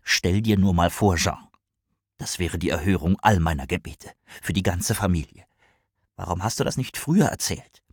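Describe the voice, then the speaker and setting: Man voicing stern village father, sharp, commanding, husky low tone, dry. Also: flat delivery, unhurried, few pauses, dry recording, heavily acted. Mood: excited.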